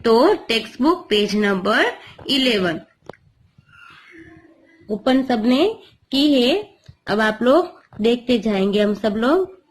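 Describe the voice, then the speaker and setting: A woman teaching an online Hindi grammar lesson, explaining slowly and patiently and mixing in English words. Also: a little high, lively intonation, rough recording. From India. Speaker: school teacher.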